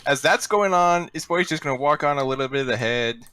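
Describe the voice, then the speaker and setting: A man with a higher, bright voice plays at a tabletop game, joking with animated swings in pitch. The sound is close and dry. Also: smooth, no echo. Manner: animated, quick to joke and laugh. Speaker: player. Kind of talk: casual game table chat.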